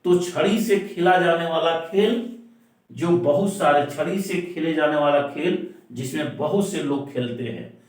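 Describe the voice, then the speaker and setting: Male teacher, fairly high voice, repetitive question-and-answer delivery, very echoey room, distant mic. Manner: stresses words by repeating them slowly. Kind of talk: classroom-style explanation.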